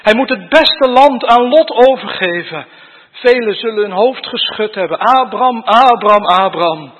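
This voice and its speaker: A man's voice: very high-pitched, moderate pace. A man preaching a sermon in church, pressing his congregation with earnest rhetorical questions. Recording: dull sound with long church reverb.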